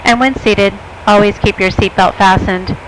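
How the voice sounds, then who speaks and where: A woman's voice: mid-range voice, fairly even intonation, moderate pace, poor audio. A woman speaking as a flight attendant, giving a scripted airline cabin announcement to passengers. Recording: cabin announcement over airplane engine noise.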